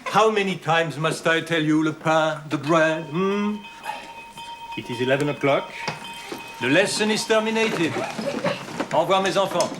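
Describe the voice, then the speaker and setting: An actor playing a fussy, patient teacher with a theatrical, coaxing manner, in a period TV drama. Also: male voice, a little high, unhurried, pauses often, background noise, lightly acted.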